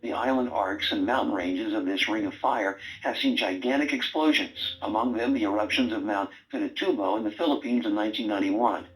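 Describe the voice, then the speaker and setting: A man's voice: on the low side, fairly quick, few pauses, close to an everyday voice, rough recording. A man voicing a wisecracking male talking brain robot toy that teases its owner and gives quiz-style prompts. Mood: reciting facts. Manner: sarcastic, teasing, bossy quiz-style prompts. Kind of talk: toy voice lines.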